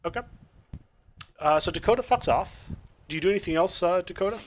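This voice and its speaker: A man's voice: high voice, a little fast, slight background noise. A man acting as game master, casually narrating a tabletop role-playing game and calling turns.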